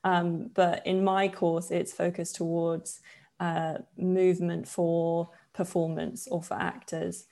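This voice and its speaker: A woman in her twenties from Poland, talking as a podcast guest. Her voice sits low, with a gravelly fry and a dark, mellow tone. She chats loosely, full of fillers and easy laughter. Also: slow. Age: 20s. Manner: relaxed, chatty, laughs often, many fillers. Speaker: podcast guest, yoga teacher. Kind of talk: casual interview chat.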